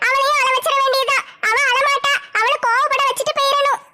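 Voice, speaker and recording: Shrill, bright, flat-toned gossip with one eye, spiteful and meddling, in a comedy skit. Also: female voice, fast talker, exaggerated voice. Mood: taunting. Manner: accusing, taunting village gossip.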